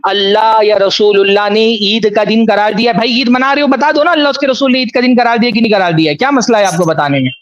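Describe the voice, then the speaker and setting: A man hosting a live stream debate, persistently repeating his question slowly and deliberately. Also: sits high, lo-fi sound. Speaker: stream host. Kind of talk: heated religious debate.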